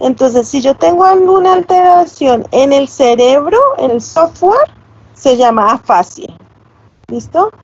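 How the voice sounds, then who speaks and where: A woman's voice: sits high, darkish tone. A woman giving an online lecture, explaining step by step and checking in with tag questions. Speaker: teacher. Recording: slightly dull, lo-fi sound.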